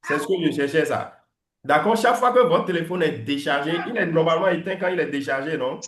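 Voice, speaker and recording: A man teaching an online class, coaching pronunciation, lively and teasing as he drills his students. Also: on the high side, fast talker, roomy sound. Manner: lively, teasing, switches between French and English drills. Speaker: English teacher.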